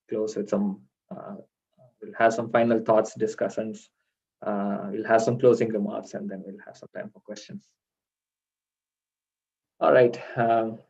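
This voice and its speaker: A man from India speaks as a guest at an online conference, his talk full of fillers and restarts. His voice is fairly low and dark, and it comes through a video call with dull, lo-fi audio.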